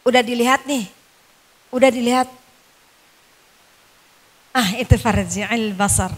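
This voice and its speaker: A woman with a Sundanese accent teaching a Quran study class, quizzing the women listening with questions and chanting Arabic verses slowly. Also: on the high side. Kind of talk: religious study lecture. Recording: long reverb, echoing hall.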